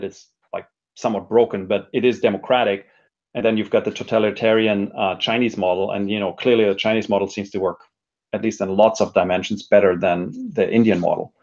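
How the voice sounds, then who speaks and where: A technology educator and speaker, interviewed as a guest, answers thoughtfully in a voice on the low side, captured with dull audio. He is reflective and hesitant, hedging and often restarting his sentences as he works through an idea.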